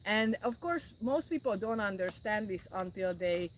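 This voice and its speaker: A woman's voice: medium pitch, lively intonation, normal speed, slight background noise, poor audio. A woman hosting a casual wellness talk show, speaking earnestly and often repeating herself. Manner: earnest, repetitive, restarts often. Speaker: wellness podcast host.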